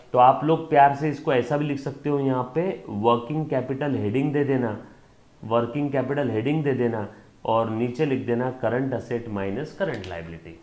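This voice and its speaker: Male commerce teacher, mid pitch, encouraging lecture manner, mixes in English terms; echoey room. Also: a little mellow. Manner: coaxing, checks students' understanding. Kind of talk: online lecture.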